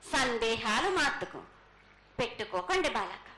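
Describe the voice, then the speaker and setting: A woman's voice: on the high side, big pitch swings, unhurried. A woman with a Telangana Telugu accent delivers a ritual prophecy in a trance voice as a mother goddess, speaking with authority to her children. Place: temple festival with live ambience. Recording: echoey live temple ritual with background noise.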